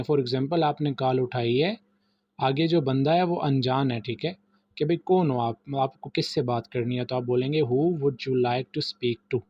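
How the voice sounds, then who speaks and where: A man with a Pakistani Urdu accent gives an English vocabulary lesson in a fairly high voice. He reads each phrase slowly and then explains it. The recording is dry and a little muffled. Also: a little mellow, no echo. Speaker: English teacher. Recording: dry, slightly muffled voice-over.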